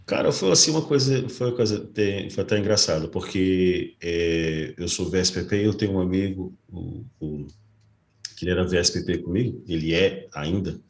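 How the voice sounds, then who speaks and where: A man, a security guard being interviewed. His voice sits very low, and he tells his story in an earnest, polite way. The sound carries a roomy echo, like a video call from a bare room. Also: moderate pace. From Brazil. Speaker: guest, private security guard. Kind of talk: casual interview.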